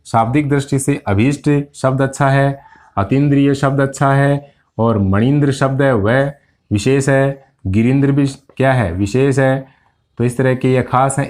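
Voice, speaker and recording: A man's voice: medium pitch, a little mellow. A man teaching an exam-prep grammar lesson to students, explaining step by step and answering his own questions. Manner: addresses students directly.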